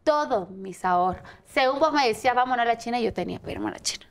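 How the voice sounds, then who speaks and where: A woman, a talk show guest telling a personal story candidly in an animated way and acting out the voices of the people in it. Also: a little high, quick pace. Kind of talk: candid storytelling in a casual interview.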